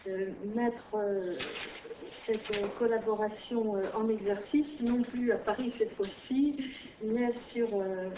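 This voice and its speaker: Middle-aged woman, visiting historian, slow hesitant lecture with plenty of fillers, heard from far off in an echoey room. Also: medium pitch, steady tone, background noise. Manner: hesitant, many fillers and restarts. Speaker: visiting historian giving a conference talk. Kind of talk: academic lecture. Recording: distant, roomy, dull lecture-hall recording.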